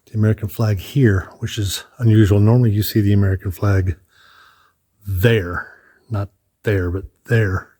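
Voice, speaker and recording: At a moderate pace, a man with a lowish, mellow voice keeps his tone steady. Touring a building as a vlogger, he talks his way through indoor halls and spacious rooms, casual and chatty, thinking aloud with restarts and a slight breathlessness.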